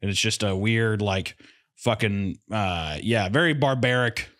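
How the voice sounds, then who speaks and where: A man's voice: on the low side, unhurried, fairly bright tone, dry recording, studio quality. A man co-hosting a crude comedy podcast, rambling through stories with lots of fillers. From United States. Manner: rambling storyteller, acts out voices. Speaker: podcast co-host.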